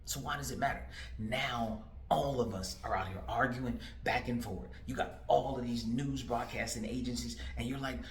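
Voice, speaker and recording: A man's voice: mid-range voice, normal speed, a little hiss or hum. Emphatic man in his forties, roomy echo. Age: 40s. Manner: emphatic and repetitive, full of rhetorical questions. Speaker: political candidate. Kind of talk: direct-to-camera political commentary.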